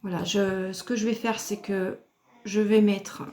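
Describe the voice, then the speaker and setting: Woman, from France, beauty vlogger, slow pace, patient step-by-step explaining, talking to camera. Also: mid-range voice, little pitch movement, darkish tone. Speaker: beauty YouTuber. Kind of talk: makeup tutorial talk to camera.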